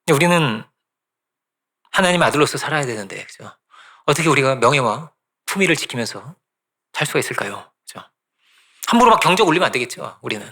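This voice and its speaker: Quick, bright-voiced male pastor preaching. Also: medium pitch. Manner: conversational preaching, keeps asking the congregation "right?"; lively, quick, repeats phrases for emphasis. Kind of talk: sermon.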